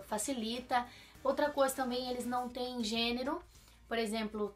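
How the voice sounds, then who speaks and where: A woman's voice: high voice, a bit bright. A young Brazilian woman with a Brazilian Portuguese accent, speaking in a casual advice vlog in an earnest, encouraging way and often checking in with the listener. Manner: earnest, encouraging, tags sentences with questions. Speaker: vlogger.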